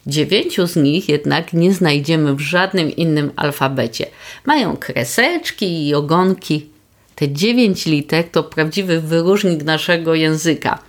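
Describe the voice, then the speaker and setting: A woman hosting a podcast, calmly explaining facts in a scripted, measured way. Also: fairly low pitch. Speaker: podcast host and proofreader.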